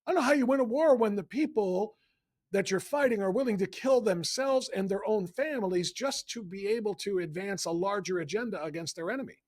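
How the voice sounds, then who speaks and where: A man's voice: high voice, a little fast, darkish tone, no room sound, clean studio sound. A man hosting an interview, asking long, winding questions. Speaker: host.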